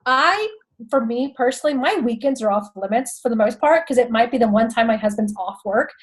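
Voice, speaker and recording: A woman's voice: on the high side, animated, a little fast, poor audio. A woman in her thirties with a Texan accent, giving chatty tips as a direct-sales host with laughing asides. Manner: chatty, laughing asides, addresses viewers as y'all. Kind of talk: casual how-to talk.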